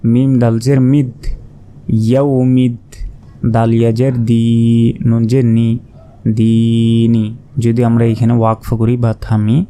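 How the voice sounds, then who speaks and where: A man teaching recitation, spelling out each syllable slowly and then reciting with long drawn-out vowels. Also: mid-range voice, warm tone. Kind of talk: slow spelled-out pronunciation lesson.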